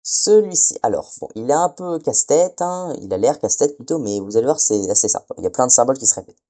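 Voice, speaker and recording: A man's voice: medium pitch, expressive, fast talker, dark tone. A man giving a casual spoken lesson, hesitant, often stumbling and correcting himself. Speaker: teacher.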